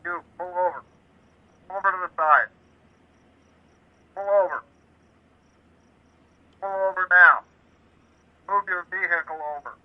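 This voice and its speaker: A man's voice: high-pitched, slow, pauses often. A man playing a traffic cop giving curt, insistent orders through a megaphone. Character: male traffic cop ordering a driver over. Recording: dull lo-fi sound from a distance.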